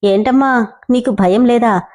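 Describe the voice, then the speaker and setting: A cocky young boss sneers and taunts his rival in a storybook reading, played by a woman narrator. His voice is fairly high and soft-toned. He stays sarcastic and threatening. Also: measured pace, close to an everyday voice. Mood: taunting. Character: arrogant young male boss, vengeful and sneering.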